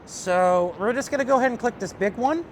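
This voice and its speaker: A man's voice: extremely high pitch, animated, brisk, a little hiss or hum. A man streaming a video game, chatting loosely with viewers and explaining a puzzle with many fillers. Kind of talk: casual let's-play commentary.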